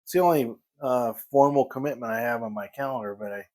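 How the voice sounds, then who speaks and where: A man vlogging a casual morning chat at home, rambling and pausing to search for the right word. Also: medium pitch, darkish tone, slight background noise. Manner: rambling, pauses to search for words.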